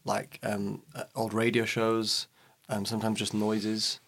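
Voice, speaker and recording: A man from England, a comedian guest in casual podcast chat, joking about himself with quick asides. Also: fairly low pitch, completely flat delivery, gravelly, a bit bright. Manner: chatty, self-deprecating, quick asides.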